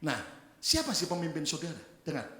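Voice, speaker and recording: A male pastor preaching a sermon to his congregation, swinging from soft asides to loud exhortations and calling for amen. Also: fairly high pitch, sing-song, a little fast. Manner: calls for amen and prompts the congregation to answer. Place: large church hall. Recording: echoey church hall.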